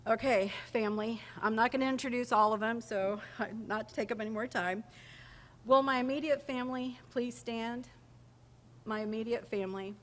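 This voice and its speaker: A woman's voice: a little high, fairly even intonation, moderate pace. A woman giving an emotional acceptance speech at a podium mic, tearful but joking with the audience. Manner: emotional, teary, jokes with the audience. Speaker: hall of fame inductee. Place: large banquet hall. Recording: reverberant hall, faint ambience.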